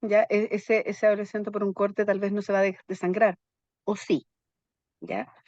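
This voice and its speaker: A woman's voice: mid-range voice, little pitch movement, moderate pace, a little mellow, dry recording, muffled recording. A woman psychologist explaining in an interview, constantly checking in with her listener through little tag questions. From Chile. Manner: keeps checking in with "¿ya?" tags.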